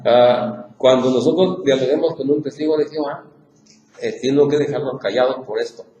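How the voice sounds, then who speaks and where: Mexican spanish guy leading bible study, keeps quizzing the group, mellow dark voice. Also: medium pitch, moderate pace, lo-fi sound. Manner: repeats himself, asks the group questions. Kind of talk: informal Bible class talk. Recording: echoey room with faint noise.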